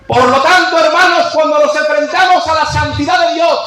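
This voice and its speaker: A man preaching a sermon with passion, swinging between shouted lines and low, intense ones and repeating key phrases. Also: steady tone, moderate pace, soft background music. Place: church sanctuary. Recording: very echoey church hall.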